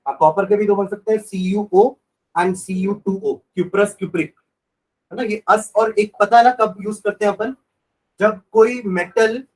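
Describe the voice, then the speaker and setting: A male science teacher giving a classroom lecture, dictating notes slowly and repeating phrases, mixing Hindi and English. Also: sits high, low-quality recording.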